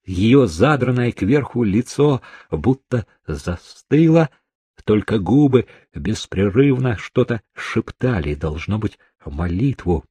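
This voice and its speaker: A man reading an adventure novel aloud as an audiobook narrator, dramatic and expressive, voicing the characters' cries with a raised voice. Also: fairly low pitch, slow pace, husky, dry recording.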